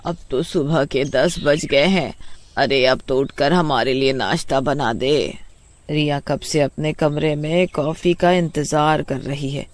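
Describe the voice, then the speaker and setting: A man voicing a fussy old mother-in-law in a kids' storybook, scolding and wailing in a shrill voice. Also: steady tone, slow. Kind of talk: storybook voice acting.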